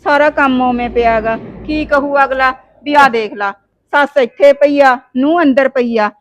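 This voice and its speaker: In a high-pitched, unhurried voice with slight background noise, a woman takes the part of a scheming young daughter-in-law with a sharp tongue. The setting is a village family drama where she scolds and coaxes, and she sounds wheedling.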